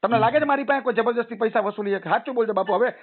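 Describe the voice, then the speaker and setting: Fast-talking man on phone. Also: very high voice. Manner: persuasive, lecturing, long-winded. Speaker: loan customer on a phone call. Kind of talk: recorded phone call. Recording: tinny phone line, faint noise.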